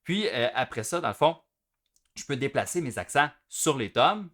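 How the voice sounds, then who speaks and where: A man with a Québécois French accent teaching drums, explaining each step in a relaxed way as he demonstrates at the kit. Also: medium pitch, moderate pace, faint music behind. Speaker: drum teacher. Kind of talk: explanatory music lesson. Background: loud drum kit playing between phrases.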